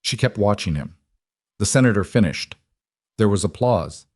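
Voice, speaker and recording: A man narrating a dramatic story in a measured, scripted reading. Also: fairly low pitch, animated, no echo, studio quality.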